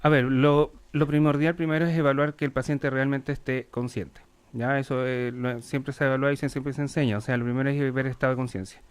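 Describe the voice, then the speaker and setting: Paramedic, male, resonant clear voice, practical explainer. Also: medium pitch, little pitch movement, brisk. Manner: practical, repeats "¿ya?" to check understanding. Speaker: paramedic guest. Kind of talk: explanatory radio talk.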